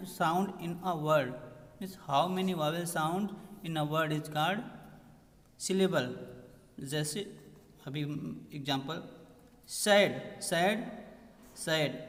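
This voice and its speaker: A male teacher with an Indian accent, speaking in a high voice at a very slow, deliberate pace. He repeats words and keeps checking that his class is following. The sound carries a long hall reverb. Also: a bit bright. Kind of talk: grammar lesson mixing Hindi and English.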